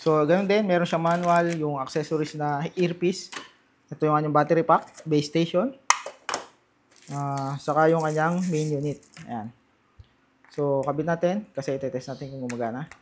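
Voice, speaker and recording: Higher-voiced Filipino man, casual unboxing. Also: fairly even intonation, normal speed, slight background noise. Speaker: gadget vlogger. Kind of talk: casual hands-on unboxing and testing.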